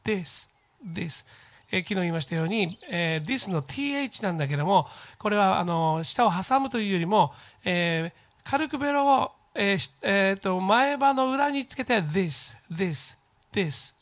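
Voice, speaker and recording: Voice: mid-range voice, expressive. Patient teacher drilling English phrases. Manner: slow, drawn-out English model phrases for students to repeat; patient step-by-step explaining with many fillers. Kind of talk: recorded English grammar lesson for junior high students.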